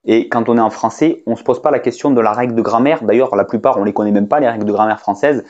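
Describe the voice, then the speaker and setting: A man's voice: mid-range voice, fast talker, darkish tone, dull audio. A French-speaking man giving a casual spoken lesson to camera, hesitant, with many fillers and restarts. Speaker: English teacher.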